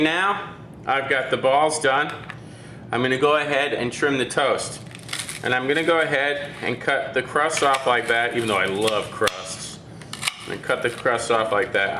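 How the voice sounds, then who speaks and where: A man's voice: medium pitch, sharp tone, reverberant, a little hiss or hum. A man working as a chef, giving a step-by-step cooking demonstration and checking in with "okay?".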